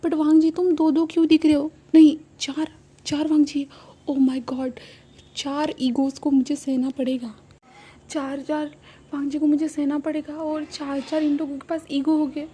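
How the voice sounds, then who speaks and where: Woman voicing a tipsy pouty young guy in a storybook recap, higher and mellow. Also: a little fast, a little hiss or hum, close to an everyday voice. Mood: drunk whining. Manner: pouting, slurred and complaining. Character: drunk young man, whiny and childish, tipsy lover.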